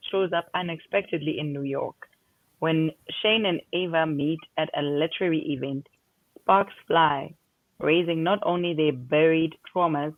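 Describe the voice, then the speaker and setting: South african booktuber on a crackly thin phone-ish line, volume jumping up and down, dry sound. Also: female voice, low-pitched, no echo, narrow, tinny audio. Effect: choppy audio with uneven, dropping volume. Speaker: booktuber on a live reading sprint. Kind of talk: casual chat, reading a book blurb aloud.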